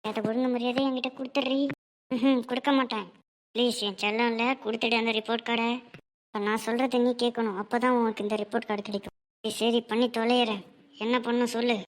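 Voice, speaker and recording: A woman's voice: a little high, little pitch movement, fast, lightly acted. A woman voicing two young sisters in a homemade cartoon, one bossy and one cheeky, teasing and whining at each other. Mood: bickering. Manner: bickering, teasing, sing-song whining.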